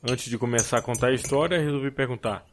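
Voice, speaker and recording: A man reading a story aloud as an audiobook narrator, in a steady storytelling manner. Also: mid-range voice, quick pace, very noisy. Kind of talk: scripted narration.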